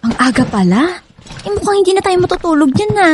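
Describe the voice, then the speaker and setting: Playing the same kind of role, a woman with a Filipino accent voices an excited, loving bride-to-be who teases her friend, radio-drama style, casual and expressive. Her voice is very high-pitched and fast, the mood upbeat and busy, with slight background noise.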